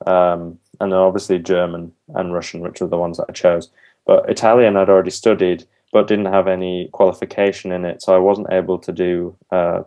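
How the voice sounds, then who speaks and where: A young adult man with a low, flat voice answers casual interview questions as a university language student. He comes across thoughtful and earnest, often saying "um" and restarting his sentences.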